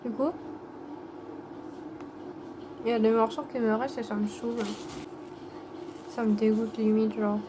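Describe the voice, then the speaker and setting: A woman's voice: on the high side, fairly even intonation, a little fast, noisy background. Whispering, anxious young woman. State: anxious, unable to sleep. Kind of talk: whispered personal vlog.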